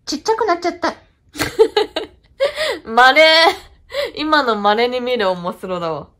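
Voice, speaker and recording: Sketch role: actress as a lively, blunt young ex-host-club regular, casual and slangy. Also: female voice, sits high, takes it slowly, heavily acted. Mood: teasing. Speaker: comedy sketch actor. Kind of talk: comedy sketch dialogue.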